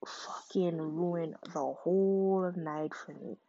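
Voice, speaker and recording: A woman's voice: lowish voice, slow pace, gravelly, mellow. A woman telling a story in a casual, blunt, profane and dramatic way. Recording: dull lo-fi sound.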